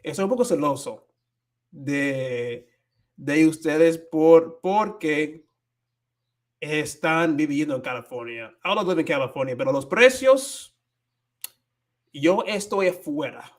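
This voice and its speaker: Slow-talking, slightly high-voiced man streaming. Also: animated. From United States. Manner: switches between Spanish and English, stumbles and searches for words. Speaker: livestream host teaching Spanish. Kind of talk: casual livestream chat reading viewer comments.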